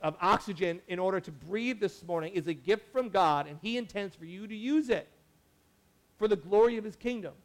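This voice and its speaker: A young man with a notably high voice delivers a relaxed, conversational sermon. He rambles through asides and restarts his sentences, keeping it animated and friendly like a chat with the congregation. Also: brisk. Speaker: pastor. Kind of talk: casual sermon.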